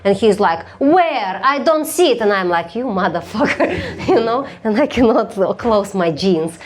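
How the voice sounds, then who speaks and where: Eine Komikerin, die auf einer Live-Bühne stumpf und neckend mit dem Publikum spricht und oft lacht. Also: female voice, on the high side, sing-song, a little slow. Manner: blunt, teasing, laughs often. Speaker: stand-up comedian. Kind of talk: stand-up crowd work. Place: live comedy stage.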